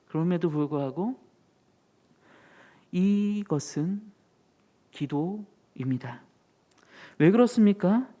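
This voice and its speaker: Male pastor with a mellow voice, preaching. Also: on the high side. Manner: earnest preaching, swelling into emphatic rises. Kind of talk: sermon. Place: church sanctuary.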